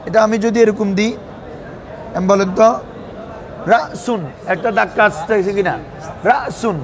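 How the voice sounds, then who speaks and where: A man teaching Arabic grammar to a class, constantly asking students questions and waiting for them to answer. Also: high-pitched. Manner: quizzes students with a recurring "what is it?" tag. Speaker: madrasa teacher. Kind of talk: classroom lesson with call-and-response questions.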